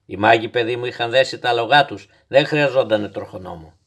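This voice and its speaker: A man voicing a fanciful, stubborn old grandfather who calmly tells a child tall tales in a storybook reading. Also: mid-range voice. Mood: patient. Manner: calm, gently instructive, tall-tale telling.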